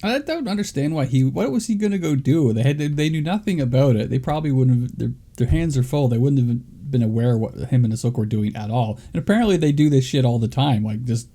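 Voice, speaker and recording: A man's voice: mid-range voice, lively intonation, fast, few pauses, warm tone. A man co-hosting a podcast, chatting casually with laid-back, wry commentary. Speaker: podcast co-host. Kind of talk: casual chat.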